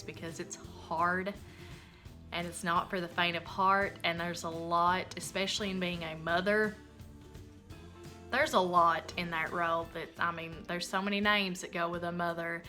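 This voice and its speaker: A woman's voice: lowish voice, pushed and bright. A young woman, a mom vlogger, talking in a casual, earnest and heartfelt way while answering questions. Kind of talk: casual Q&A vlog talk.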